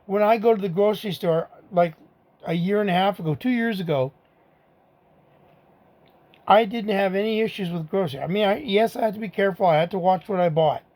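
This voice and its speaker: A man's voice: high-pitched, fairly quick, darkish tone. A middle-aged man, giving a blunt, angry political rant to the camera, repeating his own rhetorical asides. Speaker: vlogger.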